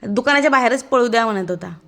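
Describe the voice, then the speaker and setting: A woman's voice: a little high, fast talker, fairly bright tone. A woman giving a chatty, amused running commentary as a casual vlog voice-over, narrating as the child's aunt.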